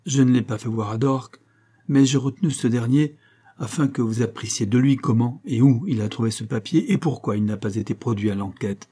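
A man reading an audiobook, voicing a grave middle-aged coroner who speaks slowly, solemnly and formally. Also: mid-range voice, mellow, breathy edge, close to an everyday voice.

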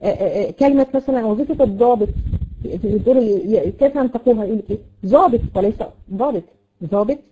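A woman's voice: on the high side, very fast, dark tone. A woman with an Egyptian Arabic accent teaching a Quran recitation lesson, explaining with many fillers and repeated questions to her students. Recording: dull lo-fi recording with noise.

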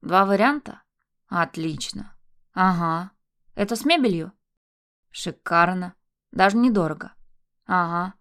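A woman reading an audiobook, voicing a cruel, abusive husband who sneers and shouts insults. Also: fairly low pitch, expressive, unhurried, long pauses. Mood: mocking. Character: abusive enraged husband, man, cruel and mocking.

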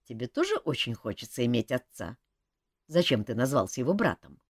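A woman's voice: a bass voice, sing-song, a little fast, husky, dry recording, clean studio sound, heavily acted. A woman voicing an amused, teasing adult male elf in a fantasy audiobook, kindly and chiding.

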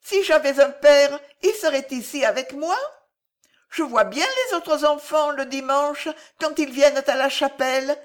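A woman's voice: high voice, a little slow, voice pushed up. A woman reading an audiobook and voicing a small, lonely orphan boy who asks pleading questions. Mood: plaintive questioning.

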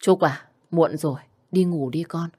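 A woman doing a gentle caring father. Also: sits low, measured pace, breathy edge. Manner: soft, gentle.

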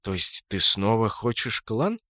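A man voicing a calm, menacing male dark elf god who speaks slowly and coldly. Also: lowish voice, no echo, studio quality, heavily acted. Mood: cold, commanding. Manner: slow, cold and commanding.

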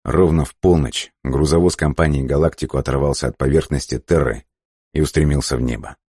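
A man reading an audiobook in slow, measured, somber scripted narration. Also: rumbling low, fairly even intonation, darkish tone, no echo, clean studio sound.

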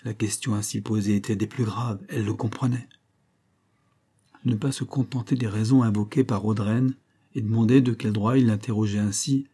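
A man narrating a classic novel as an audiobook in a measured, dramatic reading. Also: medium pitch, mellow, husky.

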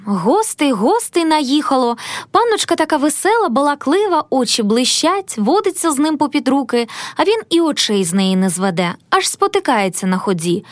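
A woman reading a classic story aloud as an audiobook, expressive storytelling narration. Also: sits high, moderate pace, dry recording. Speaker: audiobook reader.

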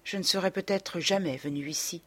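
A woman voicing a shy young country girl who speaks in a subdued, soft voice as part of an audiobook reading. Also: medium pitch, expressive, normal speed, husky, voice pushed up.

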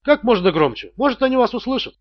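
A man's voice: very high voice, big pitch swings, fast, dry recording, dull audio, voice pushed up. A man voicing a menacing, mocking male extortionist in an audiobook thriller, cool and sneering. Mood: coolly menacing. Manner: coolly mocking, bursts into screams. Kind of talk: audiobook character voice.

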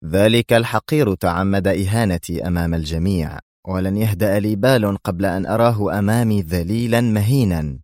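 Guy reading as a furious old tyrant general, low and grinding, dry sound. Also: fairly quick, darkish tone, no echo, natural voice. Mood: seething. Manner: seething, clenched, angry. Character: wrathful male general and tyrant, older.

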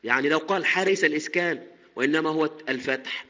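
A man teaches a Quran recitation lesson, explaining each point step by step, repeating key terms and slowly chanting the verses he quotes. His voice is fairly high and sharp in tone, recorded with dull audio in a large hall.

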